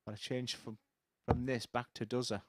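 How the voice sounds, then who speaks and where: A man's voice: mid-range voice, little pitch movement, moderate pace, no echo. A man giving casual live darts commentary, bantering in a jokey, self-deprecating way.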